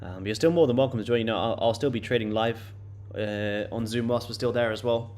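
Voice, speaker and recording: A man in his late twenties hosts a day-trading livestream, chatting loosely with viewers and answering their questions, his speech full of fillers and repeated words. His voice is medium in pitch and a little mellow, with fairly even intonation and a slightly fast pace.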